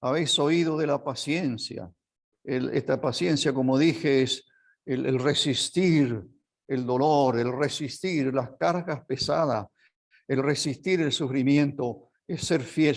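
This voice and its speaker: A man with a Chilean Spanish accent preaching a sermon as pastor, earnest and unhurried, closing in a quiet prayer. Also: mid-range voice. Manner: slow, earnest preaching that drops to a soft prayer.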